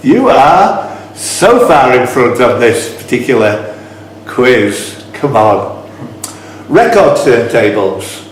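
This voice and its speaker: In an echoey indoor club room, a male quizmaster reads questions aloud with blunt, teasing, informal banter. His mid-range voice has a sing-song lilt and a slow pace. The recording is very echoey, with faint background noise.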